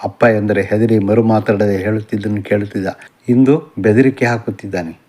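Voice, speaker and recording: A man who wrote the novel narrating it as an audiobook in a measured, steady reading. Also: lowish voice. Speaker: author and narrator.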